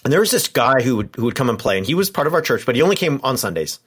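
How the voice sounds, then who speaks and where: A man in his forties from Southern California tells stories in a casual conversation. His pitch swoops widely, and he acts out the voices of people he quotes. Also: racing, breathy edge. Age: 40s. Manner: animated storyteller acting out quoted voices. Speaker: professor and former pastor.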